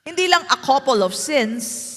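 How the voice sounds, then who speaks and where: A woman pastor with a Filipino accent preaching, mixing English and Tagalog with playful asides and slow, drawn-out emphasis. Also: sits high, animated. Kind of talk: sermon. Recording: echoey hall.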